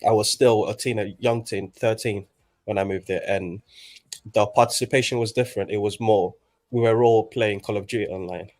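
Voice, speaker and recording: Halting young man from Nigeria. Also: fairly low pitch, fairly even intonation, a little mellow. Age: 20s. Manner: halting, with many restarts. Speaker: guest in a group chat. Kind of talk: casual chat.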